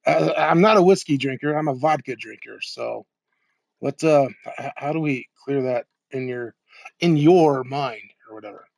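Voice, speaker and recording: A man's voice: medium pitch, normal speed, creaky, darkish tone, no room sound. A man in casual gaming livestream chat, talking in a rambling, profane way.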